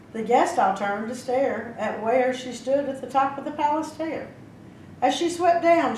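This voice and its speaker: Librarian reading a children's storybook aloud, slow and expressive, distant echoey library sound. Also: female voice. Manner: lively, expressive reading with slips and restarts. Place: library room. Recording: roomy echo, mic at a distance, faint rumble.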